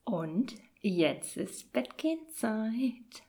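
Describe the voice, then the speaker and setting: A woman hosting a podcast and gently guiding a children's sleep meditation in a soft, whispery voice. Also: a little high, big pitch swings. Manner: soft slow whispered guidance. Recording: meditation music and singing bowls behind.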